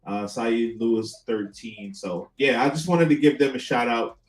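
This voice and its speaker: A middle-aged man hosting a casual sports chat, talking haltingly with lots of fillers. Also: medium pitch, fairly even intonation, reverberant, poor audio. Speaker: host.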